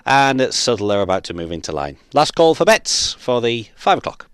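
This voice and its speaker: A man's voice: medium pitch, sing-song, normal speed, a bit bright, smooth. A man presenting live racing, reading out betting updates and handing over to colleagues.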